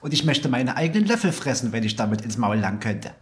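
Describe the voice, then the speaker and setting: A man reading a fairy tale voices a starving male hare who complains about hunger in a high, whiny voice. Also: sing-song, fast talker, close to an everyday voice. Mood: complaining.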